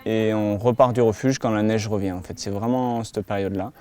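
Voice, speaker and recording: Man, hut keeper, fairly low voice, relaxed interview talk, pauses with fillers. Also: smooth. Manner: relaxed, hesitant with frequent fillers. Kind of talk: casual documentary interview.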